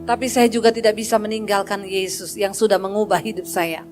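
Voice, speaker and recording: A woman's voice: medium pitch, steady tone, a little fast, a little mellow, faint music behind. A middle-aged woman from Indonesia preaching a personal testimony sermon, telling her story with emotion and acting out the dialogue. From Poso, Indonesia.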